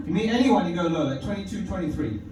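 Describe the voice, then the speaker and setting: Talking fast in a high, animated voice with a darkish tone, a man from London does stand-up at an indoor comedy club. He's wry and profane and chuckles at his own material. The echoey audio is captured from a distance, with a bit of hiss or hum.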